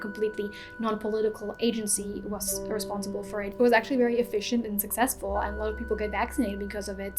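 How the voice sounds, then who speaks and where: A young woman from Slovakia ranting frankly in a casual video, with many fillers and restarts. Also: medium pitch. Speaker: vlogger. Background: music.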